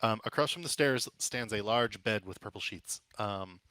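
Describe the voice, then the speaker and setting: A man acting as game master, improvising descriptions for a tabletop game in a halting, descriptive way. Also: lowish voice, pushed and bright, no room sound.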